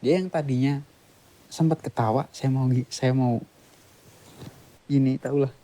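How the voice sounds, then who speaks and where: A man talking as a podcast guest, retelling an eerie experience in halting, plain speech with short, clipped sentences. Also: mid-range voice, steady tone, dark tone, poor audio. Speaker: guest storyteller, author. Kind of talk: casual spoken retelling of a ghost story.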